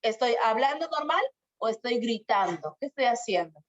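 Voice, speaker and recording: A woman's voice: a little high, lively intonation. Woman teaching grammar, muffled. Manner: questioning, drawn-out examples. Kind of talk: online grammar lesson. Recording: muffled lo-fi sound.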